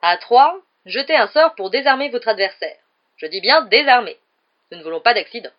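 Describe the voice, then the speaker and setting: A reader voicing a flamboyant, boastful male wizard teacher with a loud, theatrical delivery, on a dull lo-fi recording. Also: extremely high pitch, animated, normal speed, voice pushed up. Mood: commanding. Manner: showy, loud, theatrical announcing. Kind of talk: audiobook character voice.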